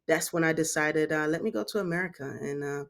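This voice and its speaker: A woman from Germany talks as a guest on a business podcast. She answers in a relaxed, conversational way, often pausing with "um" and "kinda". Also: low voice. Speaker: company CEO, podcast guest. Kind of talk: casual interview answers.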